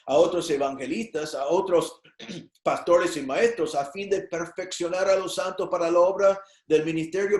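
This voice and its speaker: A male pastor preaching a sermon in an animated way, acting out the voices of the people he quotes. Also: fairly high pitch, echoey room. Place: church.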